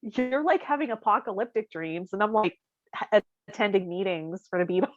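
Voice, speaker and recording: Giggling often, a podcast co-host muses her way through a casual chat in a brisk, medium-pitched voice. She laughs frequently while talking. The recording is dull, lo-fi and dry, with no echo.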